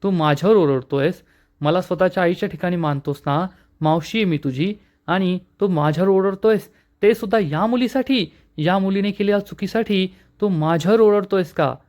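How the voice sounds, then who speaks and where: A man's voice: a little high, moderate pace, a little mellow, lightly acted. A man putting on a furious scolding aunt. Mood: angry, accusing. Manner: harsh, accusing. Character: angry scolding middle-aged aunt, woman.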